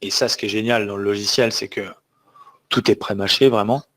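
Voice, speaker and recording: Brisk and fairly bright in tone, this fairly low-voiced trading trainer keeps a fairly even intonation while leading a live webinar online. He speaks emphatically and frequently asks the audience whether they're following.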